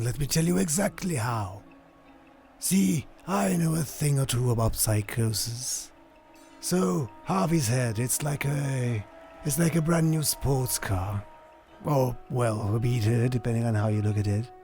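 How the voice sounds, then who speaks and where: A theatrical clown crime boss for a motion comic. He drawls slowly in a creaky voice, sounding friendly on the surface while taunting and threatening. Music plays clearly behind him. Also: medium pitch, expressive, a little mellow. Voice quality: gravelly, creaky. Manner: drawling, mock-friendly, toying, menacing.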